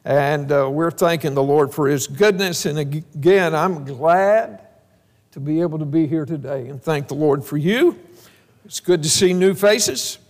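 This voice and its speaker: Older pastor with a high voice. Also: male voice, measured pace, darkish tone. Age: 70s. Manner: folksy, joking storyteller. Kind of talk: homecoming sermon. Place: church sanctuary. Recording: reverberant church hall.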